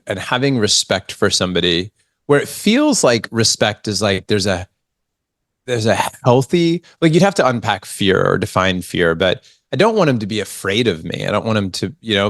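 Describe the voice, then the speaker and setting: Lively low-voiced man asking questions. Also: no echo, clean studio sound. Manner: thoughtful, searching questions with hesitations. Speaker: podcast host. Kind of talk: conversational interview questions.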